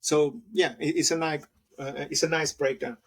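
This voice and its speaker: A man's voice: a little high, little pitch movement, normal speed, slightly rough. A man co-hosting a podcast, giving short agreeing replies with hesitant fillers. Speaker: podcast co-host. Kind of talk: casual podcast chat.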